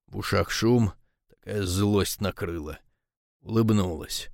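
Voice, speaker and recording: A man narrating a first-person audiobook in a low, tense, clipped delivery. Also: slow, creaky, darkish tone, no echo, clean studio sound.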